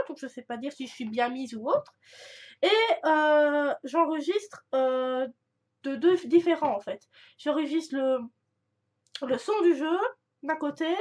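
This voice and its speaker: A young woman chatting casually through a gaming video, rambling with many fillers and restarts. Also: sits high. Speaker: gaming youtuber. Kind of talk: casual let's-play commentary.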